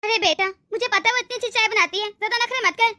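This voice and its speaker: A woman voicing a gentle, sickly elderly mother in a cartoon, calmly trying to keep the peace. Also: very high voice, fast talker. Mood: soothing. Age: older. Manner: soothing, calming, pleading for peace. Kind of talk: Hindi cartoon voice acting.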